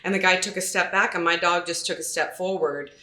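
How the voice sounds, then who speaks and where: A woman real estate agent telling a story in a panel chat, animated and acting out her own quotes. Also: on the low side, a little fast. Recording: roomy echo.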